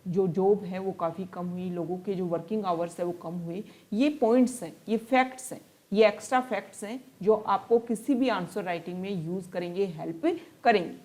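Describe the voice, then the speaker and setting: A woman tutor giving a newspaper analysis lesson for exam students, reading English passages slowly and then explaining and rephrasing them in Hindi. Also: mid-range voice, darkish tone. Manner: explanatory, repeats and rephrases points.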